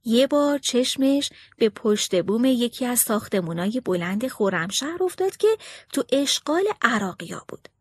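Expressive high-voiced woman storyteller. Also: breathy edge, dry recording, clean studio sound. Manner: expressive reading aloud. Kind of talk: storybook narration.

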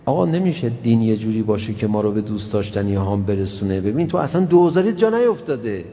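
A man giving an emphatic religious lecture, swinging from slow, low asides to loud scolding. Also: sing-song. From Iran, grew up in Tehran. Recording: dull recording in reverberant hall.

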